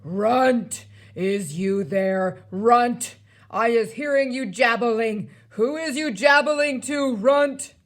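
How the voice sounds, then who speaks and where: A woman acting huge brutish male giant, booming, bullying, shouted insults, mangled grammar, storybook villain. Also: slow pace. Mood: bullying, suspicious. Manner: broken childlike grammar with nonsense insults. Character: Blood Bottler, huge gruesome bullying male man-eating giant.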